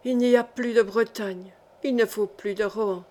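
A woman voicing a dying old count who speaks in a faint, slow, breathless murmur, pleading to be left in peace. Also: mid-range voice, steady tone, a little mellow, lightly acted. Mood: weak pleading. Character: aged dying male count, weak and pleading.

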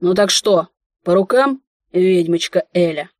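A woman voicing an easygoing, slyly teasing village man in an audiobook, talking in an unhurried, folksy way. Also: fairly low pitch, darkish tone, no echo, studio quality, close to an everyday voice. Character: easygoing village man, hired helper, sly.

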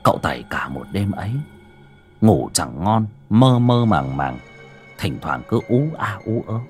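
A man narrating an audio story in an expressive way. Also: low voice, a little slow, faint music behind.

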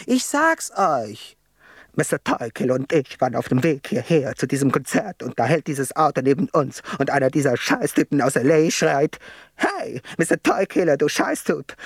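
A man's voice: fairly high pitch, no echo, clean studio sound, exaggerated voice. An actor playing a young male rapper on death row, telling his story in a profane, agitated radio-play monologue. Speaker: narrator of his own story.

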